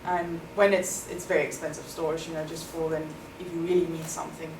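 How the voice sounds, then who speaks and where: Speaking a little fast in a level tone, this young adult South African woman answers interview questions as an international student; Afrikaans is her first language. Her low voice carries a thoughtful, explanatory manner full of ums, and the audio echoes, since she's far from the mic in an echoey, noisy room.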